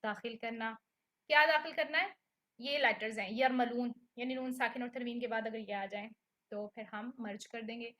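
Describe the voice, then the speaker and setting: A woman with a high, bright voice teaches a recitation class. She explains slowly and patiently and keeps checking that her students are following. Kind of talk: online lesson.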